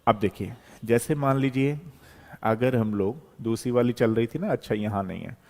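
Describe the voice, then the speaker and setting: A man's voice: mid-range voice, normal speed, darkish tone. A male chemistry teacher giving a board lecture to students. He explains step by step as he writes and keeps checking in with "okay". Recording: long reverb, hall-like room.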